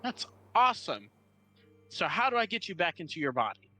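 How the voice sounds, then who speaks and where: A man's voice: high voice, big pitch swings, a little fast, bright, forceful tone. A man playing a tabletop role-playing game, improvising casually and thinking aloud in a hesitant way. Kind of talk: casual in-character improvised chat. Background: music.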